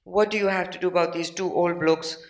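A woman's voice: fairly low pitch, steady tone, fairly quick. A woman with an Indian accent moderating a panel conversationally, with teasing anecdotes and some Hindi mixed in. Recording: roomy, echoing venue.

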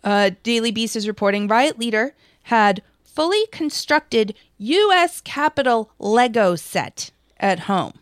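American female host, sarcastic news commentator, crisp voice, very dry recording. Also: on the high side, animated, measured pace, hardly any pauses, dry recording. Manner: wry, sarcastic. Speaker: host of a political commentary show. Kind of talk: news commentary, reading articles aloud between casual opinion.

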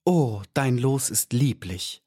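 A man reading an audiobook and voicing a small, eager young female bee who talks with breathless excitement. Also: medium pitch, slow pace, slightly rough, no echo, clean studio sound.

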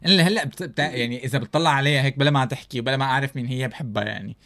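Fast-talking Levantine Arabic man, playful host. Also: medium pitch, fairly bright tone, no echo. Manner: playful, teasing, often swearing oaths. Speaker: show host. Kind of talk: casual chat.

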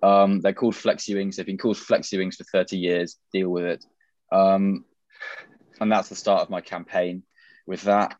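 A man with a very low voice talks in a loose, opinionated way, often pausing on "um". His audio is dry and dull, with no room sound at all. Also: little pitch movement, darkish tone, no room sound. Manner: opinionated, wry, um-heavy. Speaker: podcast co-host. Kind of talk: casual chat.

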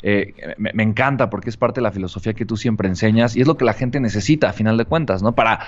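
A man's voice: fairly low pitch, fast. A man speaking as a guest in a casual interview conversation, talking in a hesitant way with many restarts. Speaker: podcast guest. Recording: dull lo-fi sound.

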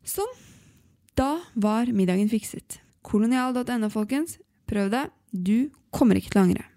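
A woman hosting a podcast in an informal, chatty way, as in casual interviews and relaxed sponsor reads. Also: on the high side. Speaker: podcast host.

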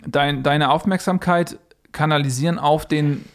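A man's voice: fairly high pitch, fairly even intonation, moderate pace. A man co-hosting a comedy podcast, giving bossy, mock-solemn instructions as a spirit summoner. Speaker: podcast co-host. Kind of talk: improvised comedy podcast chat.

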